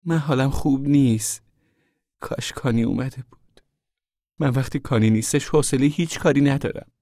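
A man's voice: mid-range voice, dark tone, no room sound, clean studio sound, voice pushed up, natural voice. Sulky queasy young woman, put on by a man. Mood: whiny, sickly.

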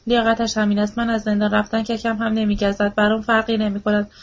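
A woman's voice: mid-range voice, monotone, lightly acted. A woman reading the part of a desperate, grieving old widow who pleads and repeats herself, in a storybook reading. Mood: bitter. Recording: dull lo-fi audiobook recording.

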